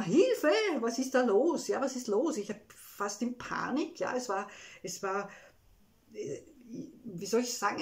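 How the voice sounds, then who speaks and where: A woman with an Austrian accent gives a personal, reflective self-help talk, speaking emotionally and haltingly with frequent tag words. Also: mid-range voice. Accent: Austrian German.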